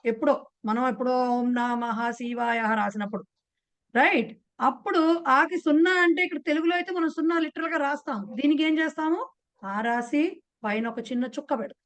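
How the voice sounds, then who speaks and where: A woman's voice: high voice, lively intonation, a little fast. A woman with a Telugu accent teaching a beginners' class, explaining patiently and putting questions to her students. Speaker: Sanskrit teacher. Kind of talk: online class lecture.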